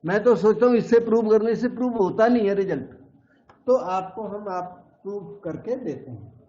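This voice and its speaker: A man's voice: high-pitched, expressive, normal speed, mellow, dull audio. A man teaching a maths lecture at the board, explaining each step patiently and repeating key terms.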